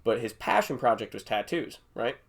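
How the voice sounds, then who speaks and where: Young man telling lively jokey stories. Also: medium pitch, moderate pace, creaky. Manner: rambling, jokey storytelling, often laughing. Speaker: podcast host. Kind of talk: casual chat.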